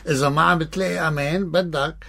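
A man's voice: a little high, steady tone, fast, creaky, bright, forceful tone. Lebanese man explaining on radio. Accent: Lebanese Arabic. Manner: explanatory, asks rhetorical questions. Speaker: psychologist guest. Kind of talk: radio interview.

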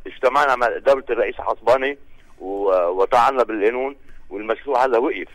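Lebanese union guy calling a radio show, rattles off numbers really fast, firm, dry sound. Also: medium pitch, no echo, poor audio. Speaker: transport union leader calling in. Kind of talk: radio phone-in statement.

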